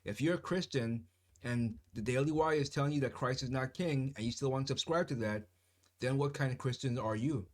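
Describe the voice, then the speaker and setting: A man's voice: mid-range voice, fairly quick. A man giving solo political commentary to his viewers, speaking passionately, with emphatic, repetitive phrasing. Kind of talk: casual solo commentary to camera.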